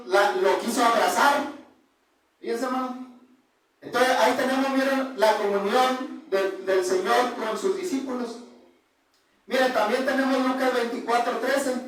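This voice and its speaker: A man preaching an informal Bible sermon, constantly calling his listeners brothers and halting to restart his sentences. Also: very high voice, a bit bright. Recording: echoey room, distant mic.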